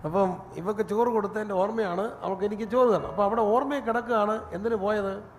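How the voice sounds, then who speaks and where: A man's voice: high-pitched, fast talker, big-room sound, a little hiss or hum. A male pastor giving a sermon, telling stories in an easy, chatty way that builds into fervent preaching. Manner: conversational storytelling that rises into fervent preaching.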